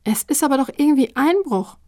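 A nervous, whiny teenage boy protests in a high, strained voice in a storybook reading, as a woman puts him on. He sounds uneasy and keeps pushing back. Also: animated, fairly quick, a little mellow, no room sound. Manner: anxious, protesting.

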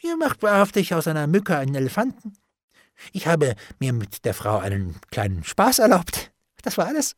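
A man's voice: wildly swooping pitch, normal speed, slightly rough, no room sound, clean studio sound, full character voice. Man voicing a whining, terrified bailiff. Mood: feigned nonchalance. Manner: high, whining and begging, with gasps and whispered prayers. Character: frightened, pleading male bailiff, cowardly and wheedling. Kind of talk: audiobook character reading.

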